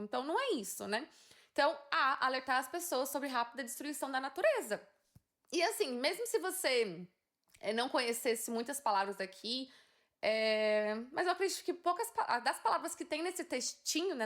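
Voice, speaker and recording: A woman's voice: sits high, fairly bright tone. Chatty Brazilian woman with a Northeastern accent. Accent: Northeastern Brazilian Portuguese, slightly Paulista. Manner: chatty, thinking aloud, frequent tag questions. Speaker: English student reviewing exam questions. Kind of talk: casual exam walkthrough.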